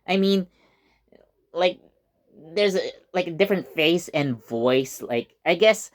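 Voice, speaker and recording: A man's voice: on the high side, lively intonation, slow. Chatty man hosting a casual review. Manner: chatty and rambling, with many fillers and self-corrections. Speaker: YouTube channel host reviewing a TV episode.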